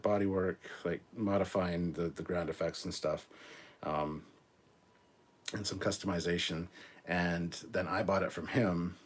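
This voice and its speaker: Husky low-voiced man in his forties chatting. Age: 40s. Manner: rambling, relaxed, many ums and restarts. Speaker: live stream host. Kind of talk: casual live-stream chat reading viewer comments.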